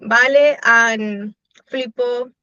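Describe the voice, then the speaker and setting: A woman's voice: on the high side, steady tone, drawn-out words, sharp tone, smooth, dry recording. A young Chilean woman, a native Spanish speaker, answers interview questions in English with a Chilean Spanish accent, thinking aloud with frequent "eh" fillers. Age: young adult. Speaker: interviewee, law student. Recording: dry, slightly dull lo-fi recording.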